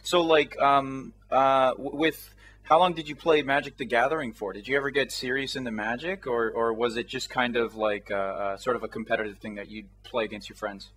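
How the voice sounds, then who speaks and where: A man's voice: mid-range voice, fairly even intonation, a little fast, a bit bright, slight background noise, low-quality recording. A man interviewing a guest in a laid-back, chatty way, with plenty of fillers. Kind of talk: casual interview.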